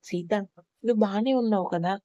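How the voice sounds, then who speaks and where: Kind middle-aged woman, soft consoling questions; audio story, read by a woman; mellow, slightly dull lo-fi recording. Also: mid-range voice, brisk, no echo, natural voice.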